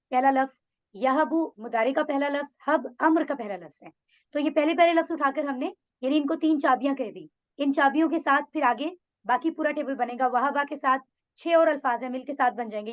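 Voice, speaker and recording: A woman's voice: high-pitched, muffled recording. A woman teaching an online Arabic class, encouraging her students and mixing English phrases into her Urdu. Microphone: video call mic.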